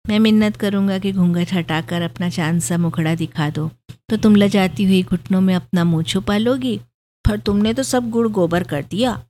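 A woman voicing a gentle, affectionate young husband who speaks in a calm, reasoning, gently lecturing way in a storybook reading. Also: mid-range voice, normal speed, a little hiss or hum, natural voice. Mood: fond.

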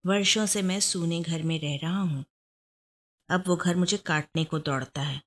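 A woman's voice: on the low side, unhurried. Woman doing a cheerful, joking young man. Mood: warm, joking. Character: rich affable young man, warm and joking.

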